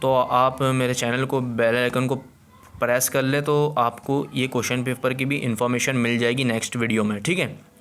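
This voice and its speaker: A man's voice: medium pitch, steady tone, normal speed, a bit bright, a little hiss or hum. A man teaching accountancy in a casual video lesson, chatty, repeating himself, with many fillers and restarts.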